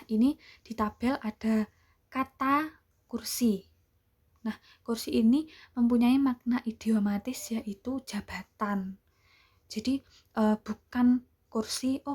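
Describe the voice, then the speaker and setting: A young adult woman teacher giving an online class lecture, explaining terms step by step with many pauses and hesitations. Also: on the high side, steady tone, darkish tone, husky.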